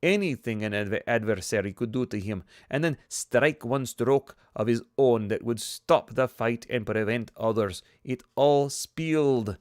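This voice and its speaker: A male narrator reading a novel aloud at a steady pace, with the odd joking aside about his own performance. His voice sits at an ordinary middle pitch and is recorded dry, with no room echo around it. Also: normal speed, hardly any pauses. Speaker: audiobook narrator.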